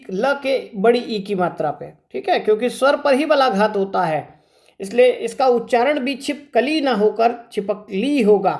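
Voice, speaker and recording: A man's voice: very high voice, a little mellow. A male teacher giving an exam-prep grammar lesson, explaining step by step and asking rhetorical questions. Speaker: Hindi teacher.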